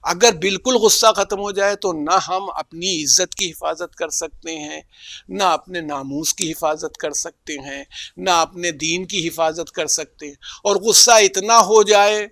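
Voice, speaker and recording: A man delivering a religious sermon, telling stories and voicing the figures in them with sudden loud rises. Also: high voice, no room sound, studio quality. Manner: storytelling, acts out quoted figures with loud rises. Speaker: religious speaker. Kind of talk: Muharram majlis sermon.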